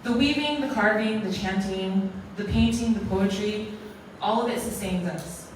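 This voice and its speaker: A woman from American Samoa delivers the formal closing speech at an arts awards event, earnest and ceremonial, unhurried, and inclined to speak in lists. Her voice is mid-pitched, picked up by a distant mic in a large, echoey museum hall with faint noise.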